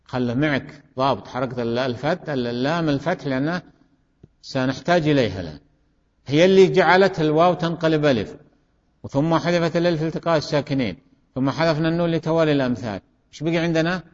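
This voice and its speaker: Male teacher, drills students with questions, slightly high voice, dull recording from a classroom. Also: fast talker. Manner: questioning, repeats student answers. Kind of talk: classroom grammar lesson. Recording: dull recording in a reverberant hall.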